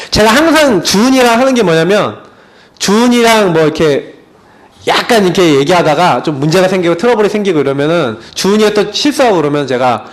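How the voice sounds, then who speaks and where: A middle-aged male pastor preaching a sermon in a conversational way, telling family stories and asking rhetorical questions. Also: on the high side.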